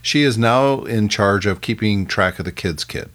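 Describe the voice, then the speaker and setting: A man's voice: fairly low pitch, moderate pace, a bit bright. A man co-hosting a podcast, talking bluntly and emphatically in a casual film review chat, with short agreeing replies. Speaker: podcast co-host.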